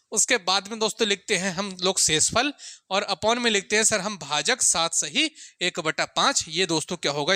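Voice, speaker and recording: Here a maths coach for exams talks to his students in a relaxed classroom manner, his voice sitting high with a sharp edge. Questions get answered by him, key points come up again and again, and listeners are often called sir and friends. The audio is clean studio sound with no room sound.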